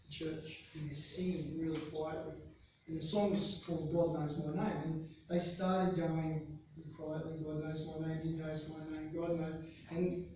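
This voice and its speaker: An Australian man giving a conference keynote, telling a story in an animated way and often restarting his sentences. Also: on the high side, slight background noise. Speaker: conference speaker. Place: large conference hall. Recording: distant, very echoey, dull hall sound.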